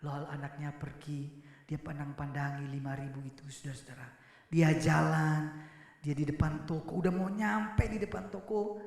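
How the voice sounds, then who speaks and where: A male pastor preaching a sermon in a church, animated and addressing the congregation directly. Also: on the high side, normal speed, creaky. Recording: echoey church hall.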